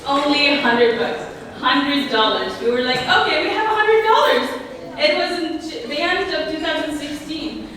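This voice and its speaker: A woman's voice: high-pitched, moderate pace, fairly bright tone. A teenage girl from Syria giving a nervous, hesitant personal speech at an event, with many fillers and small laughs. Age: teens. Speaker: new citizen speaker. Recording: echoey hall from far off, noisy.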